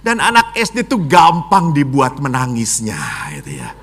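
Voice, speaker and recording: Animated high-voiced preacher man. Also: moderate pace. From Indonesia. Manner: animated preaching with acted-out voices and colloquial asides. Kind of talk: lively sermon at a revival gathering.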